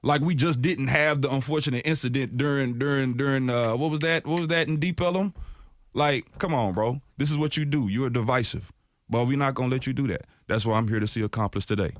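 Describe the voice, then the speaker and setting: Speaking at a medium pitch and a little fast, this Oak Cliff, Dallas rapper is an impassioned radio studio guest. He mixes freestyle with interview talk, animatedly imitating others at a raised volume, and the recording has no room sound.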